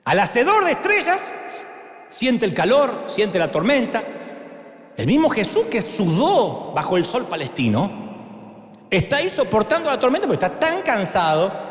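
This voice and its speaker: A middle-aged man with an Argentine Spanish accent preaching a sermon, theatrical, acting out quotes and shouting for emphasis. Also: high-pitched, big pitch swings, moderate pace. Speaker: pastor. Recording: echoey hall with long reverb.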